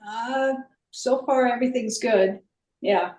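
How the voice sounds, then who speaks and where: Echoey, slightly high-voiced woman chatting. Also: slow pace, darkish tone. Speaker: class participant. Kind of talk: casual chat.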